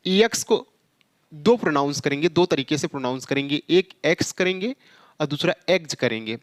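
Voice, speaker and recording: A man with a Hindi accent teaching English pronunciation. He spells words out letter by letter and draws sounds out slowly as he quizzes the listener. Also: on the high side, expressive, no room sound. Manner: stretches words slowly when demonstrating sounds. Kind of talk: classroom lesson on English pronunciation.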